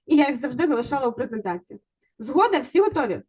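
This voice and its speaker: A woman's voice: high-pitched, sing-song, fast talker, a little mellow, breathy edge. A woman teaching an online exam-prep lesson over a video call, encouraging and coaxing her students to answer.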